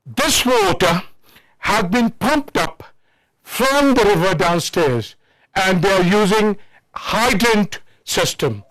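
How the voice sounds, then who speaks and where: A man's voice: sits high, expressive, takes it slowly, fairly bright tone, dry recording, rough recording. A man out of breath, giving commentary outdoors on a mountain, admiring the view. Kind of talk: on-location commentary.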